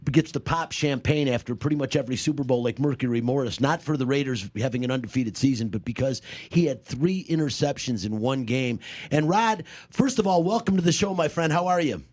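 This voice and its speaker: A man hosting a sports radio show, talking with energetic emphasis into a studio microphone. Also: mid-range voice.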